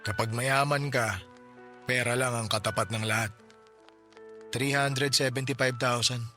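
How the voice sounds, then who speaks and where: With a mid-range, steady, sharp-toned voice over faint music, a Filipino man performs in a Tagalog radio drama as a poor widower who drives a tricycle and has just lost his family. Weary and bitter about justice, he slows down to stress words.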